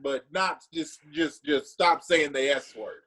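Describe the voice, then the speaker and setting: A man in a casual podcast chat, animated and joking, swearing freely. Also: a little high, a little slow, low-quality recording. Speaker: podcast guest.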